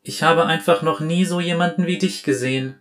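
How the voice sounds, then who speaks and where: A man's voice: a little high, fairly even intonation, a little fast, fairly bright tone, voice pushed up, natural voice. A man voicing a curious young mechanical girl in a storybook, asking eager, wondering questions.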